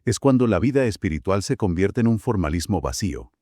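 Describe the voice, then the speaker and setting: A man from Spain co-hosting a Bible study podcast, explaining in a measured way. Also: fairly low pitch, sing-song, dark tone, no room sound, studio quality. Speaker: podcast co-host.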